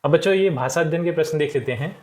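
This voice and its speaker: A man's voice: fairly high pitch, racing. Patient male teacher explaining a lesson. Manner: patient, repeats answers and checks with "ठीक". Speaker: school teacher. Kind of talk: explaining a textbook lesson to children.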